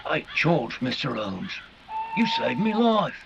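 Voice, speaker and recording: A man playing Inspector Lestrade, a gruff, determined, plain-spoken policeman in 1940s radio mystery style. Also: a little high, wildly swooping pitch, slow pace, heavily acted. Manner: blunt, colloquial working-class speech. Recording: dull, clearly noisy live recording.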